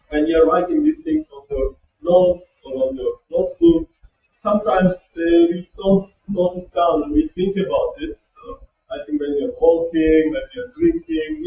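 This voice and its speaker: Male workshop lecturer, lively sing-song delivery, gravelly edge. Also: sits high. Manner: chatty, laughs often, fills with "you know". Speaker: workshop speaker. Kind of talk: lecture on academic writing. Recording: roomy, distant, dull sound.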